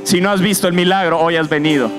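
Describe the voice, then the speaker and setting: High-voiced impassioned preacher. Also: male voice, steady tone, fast talker. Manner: impassioned, repetitive exhortation. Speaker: guest preacher. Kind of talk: sermon. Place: church service. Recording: guitar music behind.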